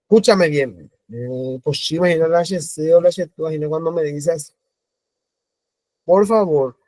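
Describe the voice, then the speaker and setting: A man with a Paraguayan accent teaching an online class, explaining slowly, repeating points and asking questions. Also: on the high side, fairly even intonation, warm tone, dry recording. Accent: Paraguayan Spanish. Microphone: video call.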